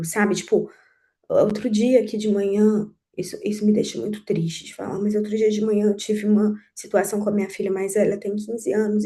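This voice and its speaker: A woman in her forties sharing her personal experience in a group conversation, speaking in a halting, reflective way with many pauses and restarts. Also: mid-range voice, dark tone. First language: Portuguese. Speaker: group participant.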